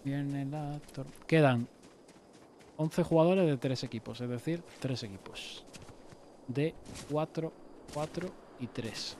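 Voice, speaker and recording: A man from Spain with a Spanish accent, streaming a game live with friends, excitable and repeating his calls out loud. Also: medium pitch, takes it slowly, pauses often, slight background noise. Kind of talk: live gaming chat.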